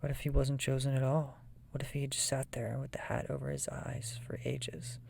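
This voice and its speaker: A person reading a children's fantasy novel aloud in a soft, breathy ASMR whisper. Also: medium pitch, flat delivery, moderate pace. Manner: soft whisper, often voiceless.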